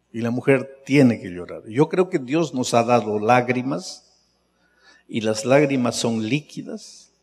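Middle-aged male pastor, impassioned storytelling sermon, mid-pitched voice, long hall reverb. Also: darkish tone, husky. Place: large hall at a youth congress.

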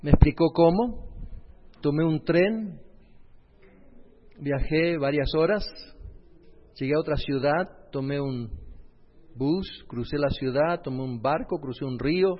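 A man's voice: on the high side, slow pace, long pauses. A middle-aged male pastor, telling a personal testimony in a sermon and speaking straight to his audience. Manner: storytelling, addresses the audience directly. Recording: reverberant hall, dull lo-fi sound.

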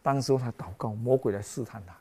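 A man's voice: mid-range voice, a little fast, warm tone, slightly rough. A man preaching a Christmas sermon with emotional, dramatic exclamations, often calling out to the congregation as brothers and sisters.

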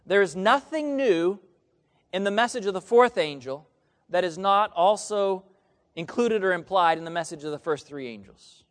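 The recording captures a sermon in a large hall, its long reverb trailing the preacher's words. He has a high-sitting, expressive voice and a moderate pace as he reads scripture and asks questions the congregation answers.

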